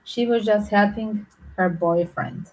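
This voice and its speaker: A woman tarot reader talking to her viewers in a loose, rambling way, often filling pauses with "like". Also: medium pitch, low-quality recording. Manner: rambling, frequent "like" fillers. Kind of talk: casual speculative monologue to viewers.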